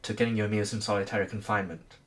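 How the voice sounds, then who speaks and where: A man's voice: level tone, rapid-fire, fairly bright tone, lightly acted. A young man playing a solemn TV newsmagazine anchor, narrating a parody documentary with grave, melodramatic delivery. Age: young adult. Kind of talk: scripted mock news documentary narration. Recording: roomy sound with rumbling noise.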